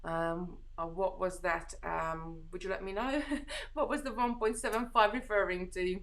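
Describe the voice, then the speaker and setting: A woman with a Hungarian accent hosts a beading live stream from home, speaking in a mid-range, fairly bright voice at a slightly slow pace. She reads viewer comments and answers reassuringly in a casual, rambling way, full of fillers and restarts.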